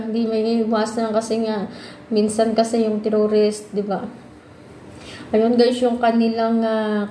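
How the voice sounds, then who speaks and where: A Filipino vlogger with a warm, mid-range voice chats casually to camera, often calling out to her viewers and mixing in English. The echoey room has faint ambience and a little hiss or hum.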